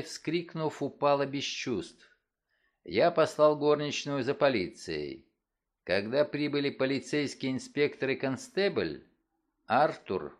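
Expressive male audiobook narrator. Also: medium pitch. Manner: dramatic, expressive reading with acted outbursts. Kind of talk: first-person scripted narration.

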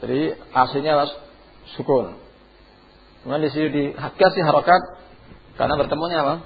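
At normal speed, a man with a fairly high, husky voice teaches Quranic recitation rules as a tajwid teacher. The dull lo-fi classroom tape captures him questioning his class and chanting examples in between.

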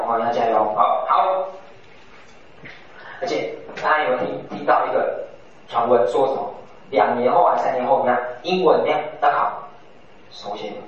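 A man's voice: mid-range voice, far from the mic. A young man tutoring law exam students, drilling them with repeated rhetorical questions. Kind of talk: exam-prep lecture. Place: classroom. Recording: echoey dull classroom recording from afar.

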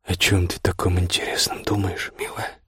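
A man voicing a confident, tender male lover in a whispered role-play, speaking low and hushed. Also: normal speed, breathy edge, dry recording, studio quality. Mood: teasing.

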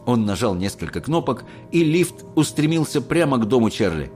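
Casting: lively male storyteller reading a children's book. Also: medium pitch, normal speed, soft background music. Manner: expressive, varied storytelling. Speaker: narrator. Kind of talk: scripted audiobook narration.

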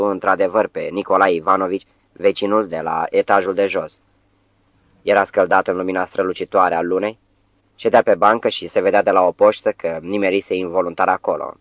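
A man reading an audiobook as scripted narration, measured, with phrase ends that soften and trail off. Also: deep voice, no echo.

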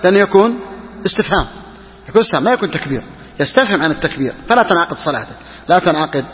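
A man teaching religious law as a sheikh, who talks quickly and repeats key phrases for emphasis. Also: a little high, lively intonation, in a large hall, dull audio, a little hiss or hum. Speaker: sheikh teaching Hanbali jurisprudence. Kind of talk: religious lesson explaining a text.

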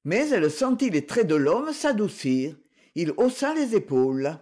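An audiobook narrator reading a novel aloud in an even storytelling manner. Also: medium pitch, a little slow. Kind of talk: scripted narration.

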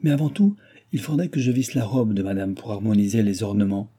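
A man reading aloud who voices a confident young hairdresser with a smooth, ingratiating manner. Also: on the low side, fairly quick, dark tone. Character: eager, self-assured young male hairdresser.

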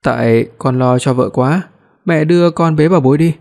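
Một người đàn ông đọc lời của một người chồng trẻ chiều vợ, hay chiếm hữu, nói dứt khoát. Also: male voice, fairly high pitch, normal speed, a little mellow, lightly acted. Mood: tender. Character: young husband, possessive and doting.

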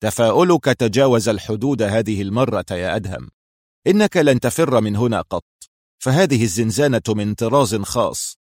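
A cold, arrogant male jailer speaks with harsh confidence, as a narrator puts him on. His voice sits a little lower than plain speech, calm and gloating. It is recorded dry and close. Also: fairly quick, dry recording.

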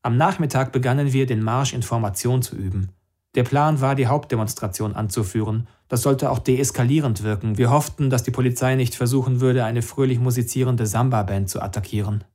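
A man reading a first-person story as an audiobook narrator, steady and even. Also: mid-range voice, fairly quick.

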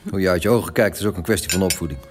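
A man's voice: low-pitched, racing, music in the background, close to an everyday voice. A man in a radio drama playing a father who talks bluntly and in an opinionated, tough way at the dinner table.

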